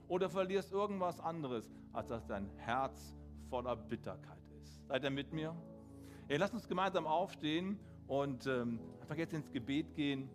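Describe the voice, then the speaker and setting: A man preaching a sermon in German, retelling a story with animated, acted-out quotes before leading into prayer. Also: medium pitch. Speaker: pastor.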